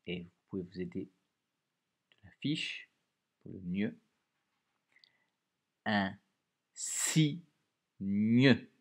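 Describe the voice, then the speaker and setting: Man, teacher, low voice, very slow, clear dictation for children. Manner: slow, clearly articulated, stresses each dictated word. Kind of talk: dictation for young pupils.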